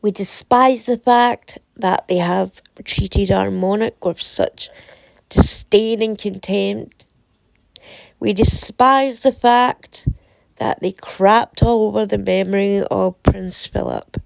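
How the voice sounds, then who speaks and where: Slow-paced British-based woman with a sore throat. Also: mid-range voice, creaky, no room sound. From United Kingdom. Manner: deliberate, emphatic, repeating phrases for effect. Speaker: commentator reading and reacting to a website. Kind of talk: casual opinionated commentary.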